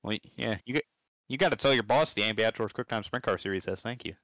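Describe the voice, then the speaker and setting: A man's voice: on the low side, quick pace, dry recording, low-quality recording. A man commentating and interviewing a driver in a chatty, stumbling casual way. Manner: lively, chatty, stumbles and repeats words.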